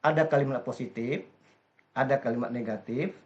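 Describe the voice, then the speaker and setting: A man's voice: mid-range voice, fairly quick. A man teaching an English grammar lesson step by step, often stopping to quiz his class. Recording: dull lo-fi recording.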